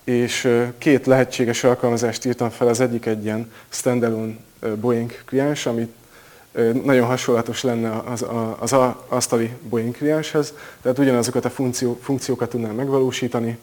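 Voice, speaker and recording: A man presenting a technical project at a conference, pausing often with filler sounds. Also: medium pitch, level tone, a little mellow. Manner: hesitant, many filler sounds.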